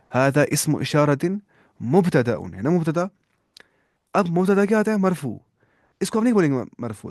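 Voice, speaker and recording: A man's voice: a little high, darkish tone, no echo. Male grammar teacher, patient, drills forms aloud, dry close sound. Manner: patient, asks rhetorical questions and answers them. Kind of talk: explaining grammar rules step by step.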